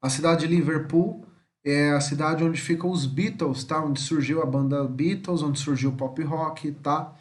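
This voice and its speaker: A man gives a recorded homeschool lesson on English spelling. His voice sits a little high for a man. He drills English words slowly, one after another, and checks in with a quick "tá?" after almost every phrase. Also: fairly even intonation. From Brazil. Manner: tags nearly every phrase with a questioning "tá?". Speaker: English teacher.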